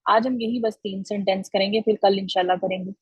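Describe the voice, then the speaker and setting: Patient teacher with a husky voice. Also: female voice, mid-range voice, fairly even intonation, brisk, a little mellow, no echo, low-quality recording. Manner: patient, encouraging, repeats answers. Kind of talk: online class teaching.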